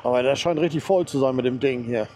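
A vlogger on a motorcycle talks fast in a medium-pitched, somewhat mellow voice, giving viewers a casual, enthusiastic running commentary while climbing a mountain road. He chats to himself as well, picked up by a helmet mic. There's a bit of background noise.

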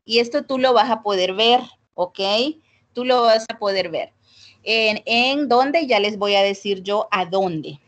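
Here a woman speaks in a mid-range voice at a slightly slow pace. She's leading a laid-back online English lesson about grading on a video call, talking chattily with plenty of fillers and checking in on students, all captured on a computer mic.

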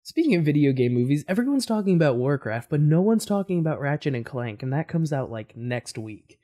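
A man's voice: fairly high pitch, sing-song, a little fast, mellow. A man hosting a reaction video, talking casually and rambling with fillers and self-corrections.

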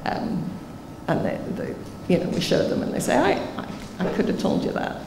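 A woman's voice: fairly low pitch, wildly swooping pitch, moderate pace, gravelly, noisy background. Woman, 50s, panel speaker, emphatic and explanatory; table mic, echoey conference hall. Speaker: keynote speaker answering questions. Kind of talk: conference Q&A answers. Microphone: table microphone. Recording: reverberant hall, faint ambience.

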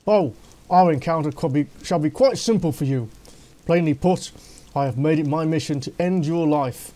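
A man voicing a gleeful male assassin in a game, with a vague put-on accent, louder than his own voice. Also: on the high side, normal speed, close to an everyday voice.

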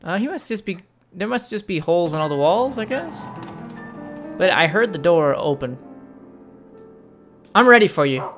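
Excitable woman yelling through gameplay. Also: lowish voice, normal speed, soft background music. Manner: swears and shouts at enemies; talks to the dog companion. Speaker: let's play gamer. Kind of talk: gameplay commentary.

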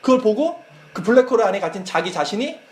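A man preaching a youth sermon, retelling a film as a lively story and acting out the quoted lines. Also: sits high, fast talker. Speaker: youth pastor. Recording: echoey church hall.

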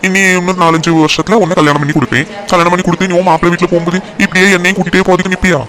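A caring cartoon father played by a man talks very fast in a slightly high voice. He fusses and reassures, piling on instructions and comfort. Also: level tone, a bit bright. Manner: fussing, reassuring. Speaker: voice actor. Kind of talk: cartoon voice acting.

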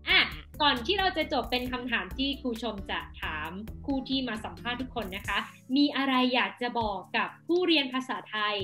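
A woman's voice: high-pitched, expressive, a little fast, hardly any pauses, sharp tone, soft background music. A young woman with a Thai accent hosting a casual video interview as a language teacher, speaking into a desk microphone. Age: young adult. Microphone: desk microphone on a video call.

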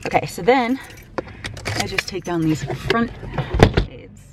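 A young woman vlogs to a dashboard camera in her parked car, rambling casually as she explains each step. Her mid-range voice is animated but slow, and the recording is very noisy.

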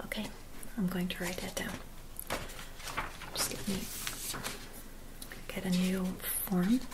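A woman in her twenties doing a whispered role-play as a spa attendant, speaking softly and gently in an attentive, whispery voice. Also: on the low side, flat delivery, takes it slowly, noisy background. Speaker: ASMR performer playing a spa clinic receptionist and therapist. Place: small dim room at home.

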